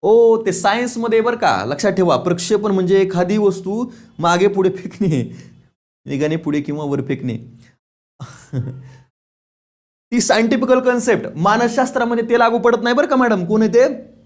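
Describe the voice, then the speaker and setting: High-voiced male exam-prep teacher. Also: expressive, moderate pace, long pauses. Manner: asks questions and answers them himself; repeats key points, says "lakshat theva". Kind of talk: online exam-prep lecture.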